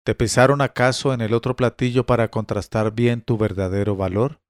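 A man's voice: mid-range voice, steady tone, brisk, no room sound, close to an everyday voice. A man voicing a lovestruck young noble in a spoken story reading, with a dry close sound. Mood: ardent.

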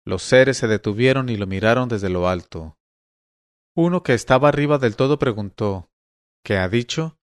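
A man reads a fantasy novel aloud in a measured, expressive audiobook style. His voice sits at a middle pitch. The recording is dry and close, with no room echo. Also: clean tone. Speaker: audiobook narrator. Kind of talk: audiobook reading.

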